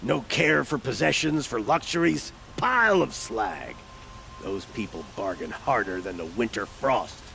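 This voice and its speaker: A man's voice: medium pitch, animated, a little slow, gravelly, sharp tone, a little hiss or hum, heavily acted. An actor playing a greedy, shifty male merchant who wheedles, stammers and sells himself as an opportunist, in video game dialogue. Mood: scheming.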